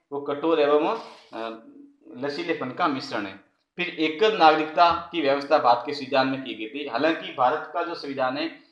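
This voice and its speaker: Guy teaching an online college class, fairly high voice, keeps repeating key phrases, echoey room. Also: fairly bright tone. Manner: explanatory, repeats key phrases, frequent filler "uh". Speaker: college political science lecturer.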